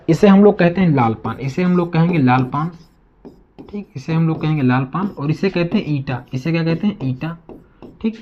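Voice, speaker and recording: A man's voice: high voice, muffled recording. A man teaching a maths lesson to students, asking questions and answering them himself, with a lot of repetition. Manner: addresses students as children. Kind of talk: classroom lesson.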